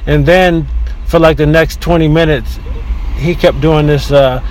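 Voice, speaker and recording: A man hosting a casual solo podcast from inside his car, talking in an opinionated, rambling way with frequent restarts, over a low-quality recording. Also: fairly even intonation, a little slow, a little mellow. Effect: low-quality in-car recording with faint background noise. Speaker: podcast host. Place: inside a car near a beach.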